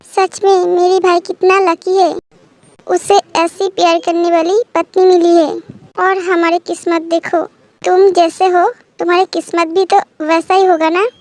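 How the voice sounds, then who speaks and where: A woman voicing a caring mother who gently coaxes her daughter-in-law in a fan-made audio story. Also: very high voice, flat delivery, measured pace, dry recording. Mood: gentle, caring. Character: caring middle-aged mother.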